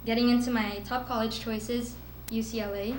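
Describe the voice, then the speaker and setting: Over a noisy crowd, a teenage girl from the Philippines speaks at a moderate pace in a fairly high voice with little pitch movement. She's a student speaker giving a sincere prepared speech at a school event, laughing nervously, in an echoey room with faint ambience.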